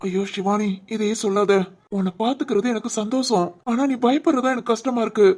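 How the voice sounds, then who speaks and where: A woman voicing a gentle, caring young husband in an animated cartoon, soothing and reassuring. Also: on the high side, brisk, natural voice.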